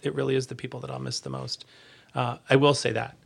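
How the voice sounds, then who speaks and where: Speaking as the head of an agency in a conversational podcast interview, this man comes across earnest and halting, frequently rewording his thoughts mid-sentence. His mid-range voice is gravelly and husky, delivered in a flat way.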